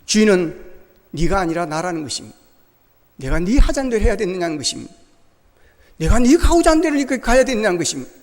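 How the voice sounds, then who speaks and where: A man's voice: high voice, very animated, fast talker, long pauses, a little mellow, in a large hall. A male pastor preaching a sermon in a church, making his points with emphatic rhetorical questions.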